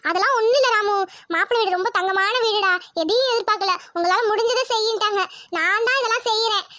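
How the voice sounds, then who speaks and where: A woman's voice: very high-pitched, fast, sharp tone, no room sound, studio quality. A woman voicing an anxious, devout middle-aged mother in a cartoon who scolds and wails. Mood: fretful. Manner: scolding, wailing and fretful. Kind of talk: cartoon voice acting.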